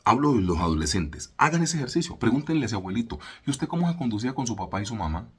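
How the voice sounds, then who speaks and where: A man with a Colombian accent giving a casual sermon teaching as a church leader, colloquial and laid-back, slowing down to stress his points. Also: mid-range voice, big pitch swings, husky. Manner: laid-back, colloquial, mimics voices, slows for emphasis.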